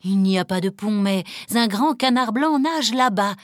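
A woman voicing a frightened but clever young girl in a storybook reading, asking softly. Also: mid-range voice, animated, moderate pace, no room sound, studio quality, lightly acted. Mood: timid.

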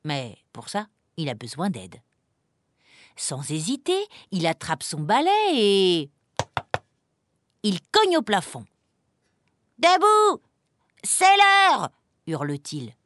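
A woman narrating a children's story in a lively, expressive reading voice. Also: low-pitched, slow, long pauses.

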